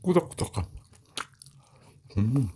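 A man's voice: medium pitch, sing-song, slow pace, warm tone, slight background noise. A man hosting an eating show, describing the food politely while chewing. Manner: polite, savoring commentary on food. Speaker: mukbang host. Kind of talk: casual eating show talk.

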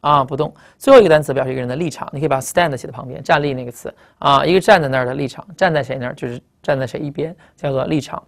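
Fast-talking gravelly male teacher. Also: mid-range voice. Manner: explains word by word, repeats key terms, spells letters out. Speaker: English vocabulary teacher. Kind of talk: recorded classroom lecture.

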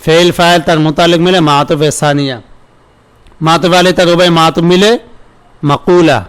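A man with a Bangladeshi accent teaching an online grammar lesson. He asks questions, answers them himself more quietly, and reads verses slowly before repeating them. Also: on the high side, steady tone, clean tone.

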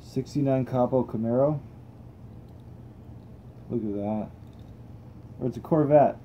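A man's voice: medium pitch, measured pace, a little hiss or hum. A young man hosting a toy car channel, chatting casually and thinking aloud as he tests cars on a table indoors. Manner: relaxed, rambling, thinks aloud while testing cars.

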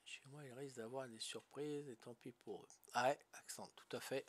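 This gamer streamer, an older man from Corsica, plays and chats in a friendly way, often checking whether he's doing things correctly and saying "hein" and "voilà" a lot. He speaks at normal speed in a mid-range, fairly bright voice with fairly even intonation, over slight hiss or hum.

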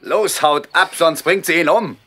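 A man's voice: low voice, moderate pace, bright, forceful tone, slight background noise. An actor playing a steadfast ghost hunter in a horror audio drama, grave and tense as he speaks and narrates. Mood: urgent warning. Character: steadfast male ghost hunter hero telling his story.

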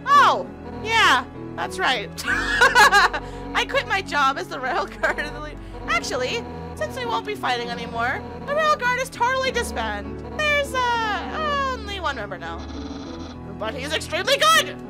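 Woman doing a fierce fish warrior woman, high, brash, bouncy, game music in background. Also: wildly swooping pitch, measured pace, full character voice.

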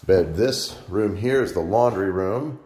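Filming on a handheld phone, a low-voiced real estate agent gives a laid-back tour of a vacant house against a noisy background. His narration is plain and relaxed, dotted with pauses and fillers, and the bare rooms sound echoey.

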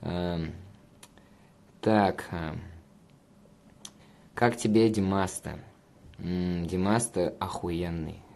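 A man's voice: deep voice, fairly even intonation, very slow, gravelly, pauses often, a little mellow. A man hosting a casual livestream, reading viewer comments and bantering with profane, rambling jokes. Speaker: livestream host reading chat.

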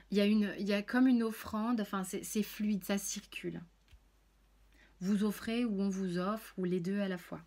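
A woman reads tarot cards in a loose, chatty way. Her pitch sits in an ordinary middle range, and she stops often for fillers and quick restarts as she explains each card. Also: darkish tone. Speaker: tarot reader. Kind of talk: casual tarot reading video.

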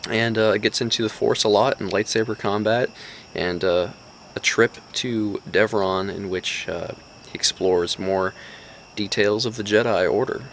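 Speaking at a measured pace with slight background noise, this young vlogger has a voice on the low side. He rambles in a relaxed way, full of fillers, for a casual video diary shot indoors in a small bedroom and dorm room, with a phone or camera at arm's length.

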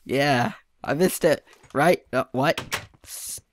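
A man's voice: medium pitch, slow pace, slight background noise. A young man co-playing a game, goofy and easily surprised, rambling as he chats. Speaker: co-player. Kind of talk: casual gaming chat.

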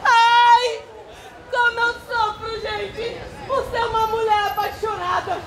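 A man as a melodramatic lovesick bride, very high and slow, street crowd noise. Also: little pitch movement, exaggerated voice, poor audio. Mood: wailing lament. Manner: wailing, melodramatic. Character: lovesick jilted bride, young woman, dramatic. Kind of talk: street theatre comedy. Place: city street, outdoors.

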